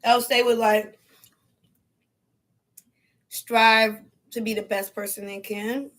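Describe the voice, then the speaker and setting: Fairly high and fairly bright, yet level in tone, a woman's voice moves slowly through a casual, chatty livestream monologue at home. She's a solo vlogger eating as she talks, chewing along in a slangy, playful, opinionated way.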